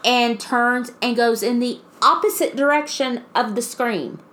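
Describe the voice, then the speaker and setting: A woman co-hosting a podcast, telling a creepy story in casual chat with drawn-out, restarting phrases. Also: on the high side, a bit bright. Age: adult mother. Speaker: podcast co-host.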